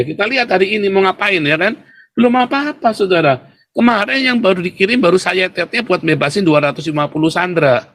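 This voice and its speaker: Man, sarcastic commentary, fairly high pitch, mocking tone. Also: fairly bright tone. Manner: mocking, sarcastic, keeps addressing listeners as "saudara", laughs often. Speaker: political commentator. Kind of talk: casual commentary reading headlines.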